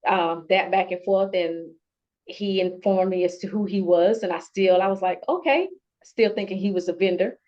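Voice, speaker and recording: A woman speaking earnestly and heartfelt in an interview, pausing and restarting as she tells her story. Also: lowish voice, little pitch movement, mellow. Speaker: award-winning procurement professional, guest. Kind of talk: conversational interview. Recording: dull lo-fi sound.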